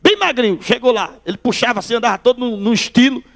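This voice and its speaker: A man preaching his testimony in a church hall, telling a lively story and calling listeners brother. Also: very high-pitched, fast.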